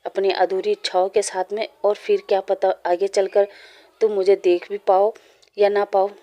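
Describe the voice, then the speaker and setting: A woman voicing a lonely, wistful young male ghost in a read-aloud storybook, speaking in her own plain, even reading voice. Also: medium pitch, moderate pace, muffled recording, close to an everyday voice.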